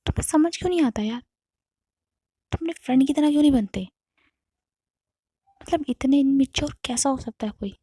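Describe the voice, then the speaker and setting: A woman's voice: fairly high pitch, steady tone, fairly quick, hardly any pauses, mellow, breathy edge, no echo. A woman voicing a jealous, short-tempered young woman in a spoken love story, with curt heated outbursts. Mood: angry.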